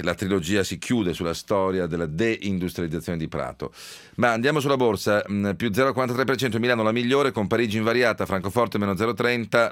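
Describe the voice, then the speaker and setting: Low-voiced man reading market figures. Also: a bit bright, no room sound, studio quality. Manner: brisk market rundown, many fillers. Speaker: radio host. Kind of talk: live radio economics show. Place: radio studio. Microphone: studio mic.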